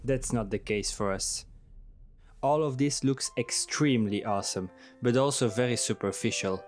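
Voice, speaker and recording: A young man, calmly narrating a travel vlog voice-over. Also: medium pitch, moderate pace. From Belgium. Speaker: travel vlogger. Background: music.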